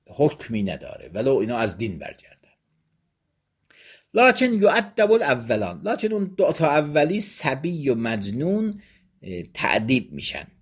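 A man with a husky voice gives a seminary lecture on religious law. His pitch rises and falls in a lively way as he reads a passage aloud and then unpacks it plainly, point by point. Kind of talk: seminary lecture, reading and explaining a text.

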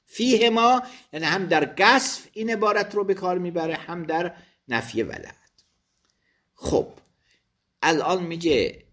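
Animated man teaching a law text. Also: medium pitch. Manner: reads Arabic text aloud, then explains each phrase; thinks aloud with quick self-corrections. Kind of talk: religious law lesson.

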